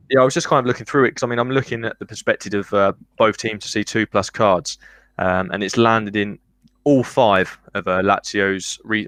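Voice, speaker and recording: A male guest analyst on a live betting stream works through card statistics step by step. His voice sits low, and the sound is dry and close. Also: fairly bright tone, no room sound. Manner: methodical, lots of ums, reels off stats.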